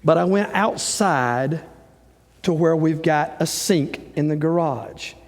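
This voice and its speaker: A man's voice: a little high, takes it slowly. A middle-aged man, a pastor preaching a sermon and acting out the dialogue of his stories. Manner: animated storytelling preacher, acts out quoted dialogue. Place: church sanctuary. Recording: church live stream with long hall reverb.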